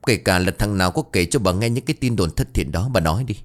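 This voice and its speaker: Man playing loud defensive middle-aged man, hot-tempered, yells and wails, for a storytelling piece. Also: deep voice, lively intonation, quick pace. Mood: furious. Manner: shouting, wailing complaints.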